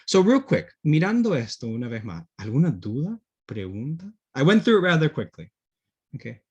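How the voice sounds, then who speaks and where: Man, teacher, video call, husky, lively pitch, patient check-ins. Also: moderate pace, dull audio. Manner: patient, checks understanding with frequent "okay?". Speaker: English teacher. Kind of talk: online class, switching between English and Spanish.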